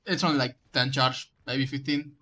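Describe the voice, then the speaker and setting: A man's voice: medium pitch, fairly even intonation, moderate pace, pushed and bright, slight background noise. A man reviewing someone's game footage, coaching them in casual commentary, often stumbling and restarting his sentences. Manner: coaching, direct advice.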